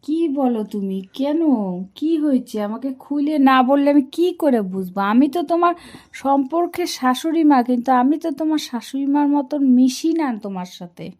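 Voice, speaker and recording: A woman's voice: high voice, lively intonation, normal speed, darkish tone. A woman playing a lonely, prying mother-in-law in a scripted comic phone skit, drawling and reproachful. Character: lonely complaining mother-in-law, middle-aged.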